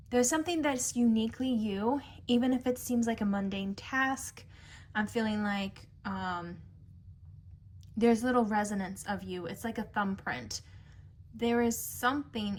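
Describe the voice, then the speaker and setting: A woman giving a casual tarot reading to camera, musing and chatty with many fillers. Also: medium pitch. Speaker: tarot reader. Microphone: camera mic.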